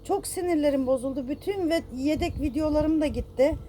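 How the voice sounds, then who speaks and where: Upset high-voiced woman vlogger. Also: fairly quick, dark tone, a little hiss or hum. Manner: upset, rambling, self-reproaching, many fillers; affectionate toward viewers. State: distressed. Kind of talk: casual vlog apology to viewers.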